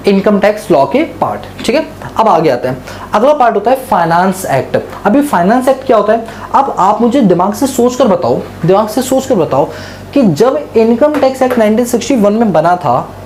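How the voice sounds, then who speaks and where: A man teaching a tax lecture who asks his class questions and answers them himself. He mixes English terms into his Hindi and slows down to read quoted passages. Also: sits high, a little mellow, a little hiss or hum. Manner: reads quotes slowly and deliberately.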